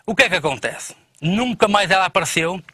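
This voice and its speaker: A man's voice: fairly quick, no echo. A man telling a comic story as a guest, playful and acting out voices. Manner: animated, playful, acts out voices with big pitch jumps. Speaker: comedian guest. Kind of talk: comic storytelling in a radio interview.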